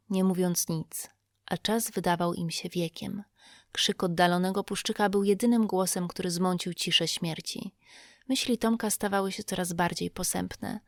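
A woman's voice: medium pitch, dry recording. Woman narrating a suspenseful story, dry sound. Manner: measured, suspenseful storytelling with slow drawn-out phrases. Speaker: audiobook narrator. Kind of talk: scripted literary narration.

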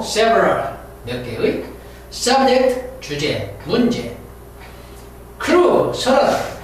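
A man's voice: high voice, slight background noise. A man lecturing on English words and grammar, who jokes and thinks aloud. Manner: lively, joking, thinks aloud. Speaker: English teacher. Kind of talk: classroom lecture. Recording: echoey room, mic far off.

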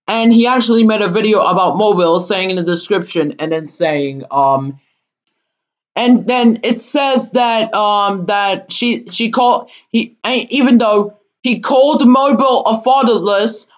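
A man hosting his own channel, delivering an indignant, rambling rant full of fillers and halting restarts, with sudden outbursts. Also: high voice. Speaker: channel host. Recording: dull lo-fi recording.

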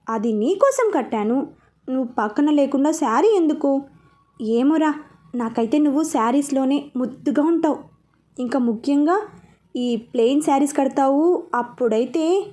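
High-voiced woman reading a story. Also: a little mellow. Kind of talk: reading a romance story aloud, all voices.

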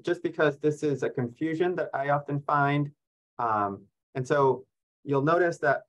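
A man's voice: fairly high pitch, low-quality recording. Ecuador-born man giving a seminar talk. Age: 40s. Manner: friendly, explanatory, light self-deprecating humor. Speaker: guest speaker, fisheries biologist. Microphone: video call.

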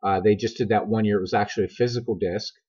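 A middle-aged man with a smoker's rasp narrates a game tutorial over screen capture, chatty and rambling, digressing and speaking to viewers directly. His lowish voice is steady and a little mellow, and he talks fast. The mic sounds dull and lo-fi.

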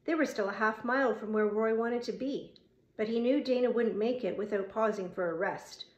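A woman narrating a novel as an audiobook, in a steady, measured storytelling manner. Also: fairly high pitch, highs cut off. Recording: roomy echo.

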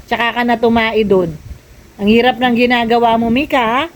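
A woman's voice: on the high side, steady tone, moderate pace, low-quality recording. An older woman vlogging at home, nagging and scolding a younger relative in casual talk. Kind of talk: casual family vlog, scolding.

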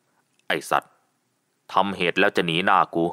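A gruff, growling young husband, as a male narrator puts him on in a spoken storybook. He swears and barks out his words in a lowish voice. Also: moderate pace, pushed and bright. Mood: angry. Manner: cursing, growling. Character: angry gruff young man, jealous husband.

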